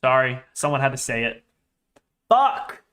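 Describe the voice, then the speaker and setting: A young man with a slightly high voice narrates his live trading screen. He talks casually and restlessly, half to himself, and swears freely as he jumps from one thing to the next. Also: moderate pace, fairly bright tone. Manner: restless, sweary, muttering to himself as he scans charts. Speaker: day trader livestreamer.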